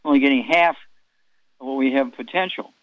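A man's voice: medium pitch, brisk, dry recording, dull audio. A man in his eighties hosting a radio health talk, rambling and folksy with chatty asides. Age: 80s.

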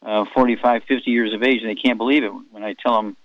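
A man's voice: fairly low pitch, fairly even intonation, fast, no echo, phone-quality sound. A man in his eighties hosting a radio health talk, rambling and folksy with chatty asides. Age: 80s.

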